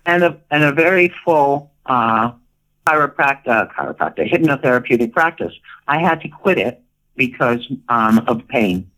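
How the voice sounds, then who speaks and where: An older woman spins her stories with a pitch that leaps all over the place, playful and theatrical. She laughs often and plays out the voices in her quotes. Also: very animated, normal speed, fairly bright tone, low-quality recording. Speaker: guest, retired performer. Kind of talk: casual storytelling interview.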